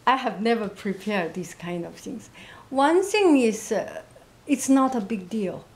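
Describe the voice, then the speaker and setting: A painter and teacher, a woman who isn't a native English speaker, answers interview questions thoughtfully. Her fairly high voice is quiet and monotone, and she speaks in a gentle, halting way.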